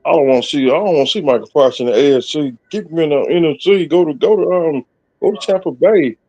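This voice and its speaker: A man in his fifties joins a casual sports talk, his voice sitting a little higher than most. He speaks in a halting way, pausing often on fillers. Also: darkish tone, highs cut off, soft background music. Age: 50s.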